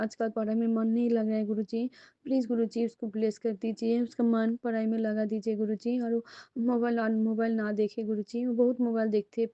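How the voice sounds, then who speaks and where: A woman's voice: on the high side, dark tone, no room sound, muffled recording. A woman sharing a devotional testimony and prayer, speaking earnestly and addressing her listeners and guru again and again.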